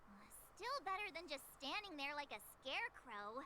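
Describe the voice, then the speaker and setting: A woman voicing a cheerful, playful young girl companion in a game, who teases and reassures in a lively way. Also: high-pitched, moderate pace, background noise.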